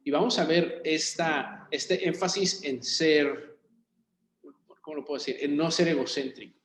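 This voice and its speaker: A man teaches a Bible study as pastor, with a slightly raised pitch. He talks conversationally and keeps turning questions to the group. The room adds a noticeable echo. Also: measured pace. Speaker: pastor leading a young adults Bible study. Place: church meeting room. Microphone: room recording for a video call. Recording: roomy echo.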